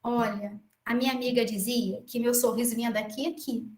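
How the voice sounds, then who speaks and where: A woman's voice: on the high side, fairly even intonation, brisk, darkish tone. A Brazilian woman lecturing as a municipal attorney, telling a personal story in a chatty way with many asides and restarts. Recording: echoey room.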